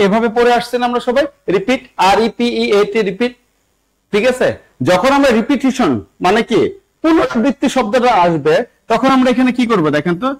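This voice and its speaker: A fairly high-pitched young man with a Bangladeshi accent leads a live online spelling class. He repeats instructions over and over, coaxing students to write answers and checking that they understand. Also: rough recording. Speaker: English teacher for job exams.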